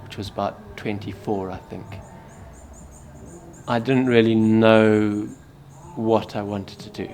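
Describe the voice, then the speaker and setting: A Zimbabwean Buddhist monk in his thirties answers interview questions softly and hesitantly, often trailing off into quiet. His voice is on the low side, and there's slight background noise.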